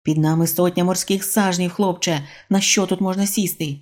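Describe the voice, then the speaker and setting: A woman voicing a gruff middle-aged fisherman who barks orders at his son, read in a low, husky voice. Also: steady tone, normal speed, natural voice.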